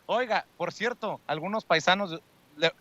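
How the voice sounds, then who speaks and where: Un hombre mexicano que hace de reportero callejero, entrevista a la gente con tono cordial y bromista. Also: male voice, high-pitched, normal speed, pushed and bright, no echo. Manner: friendly, joking, coaxing. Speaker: street reporter. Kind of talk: street interview. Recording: dull lo-fi dry sound.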